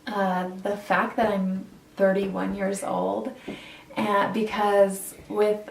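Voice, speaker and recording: A woman's voice: mid-range voice, flat delivery, slow pace, gravelly, a little hiss or hum. Woman, 30s, vlogger, earnest and chatty with many restarts, faint household ambience behind. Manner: earnest, rambling, frequent ums and restarts. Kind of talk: casual chat to camera. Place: indoors in a borrowed home. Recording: roomy sound from a distant mic.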